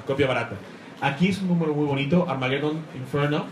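A man's voice: fairly high pitch, quick pace, a crowd in the background. A man giving an enthusiastic talk about comics to a live audience, rambling and searching for words. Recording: echoey room, faint noise.

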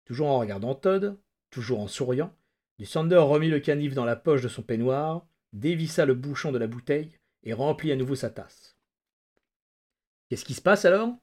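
Homme lisant un récit avec gravité. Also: male voice, mid-range voice, animated, warm tone. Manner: measured, dramatic narration. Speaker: reader. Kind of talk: audiobook reading.

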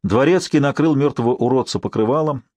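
A man's voice: brisk, a little mellow, no room sound. A man narrating a historical novel as an audiobook, reading evenly and lifting his voice for the characters' outbursts. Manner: reads evenly, raises pitch and volume for characters' outbursts.

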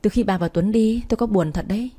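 A woman reading the lines of a calm, detached young woman in a spoken story. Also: medium pitch, fast, close to an everyday voice. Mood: cool. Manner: calm, composed.

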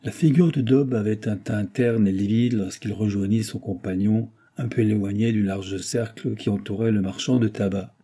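A man narrating a classic novel as an audiobook in a steady, measured reading. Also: fairly low pitch. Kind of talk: reading a 19th-century novel aloud.

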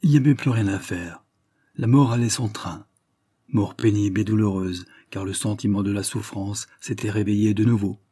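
A man reading a classic novel aloud in a measured, literary narration. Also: fairly low pitch, steady tone, warm tone, slightly rough, no room sound, studio quality. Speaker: audiobook reader.

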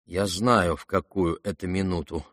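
A man's voice: mid-range voice, lively intonation, normal speed, no room sound, studio quality, lightly acted. A man reading aloud and voicing a proud, irritable young noblewoman who speaks sharply and indignantly. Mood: embarrassed.

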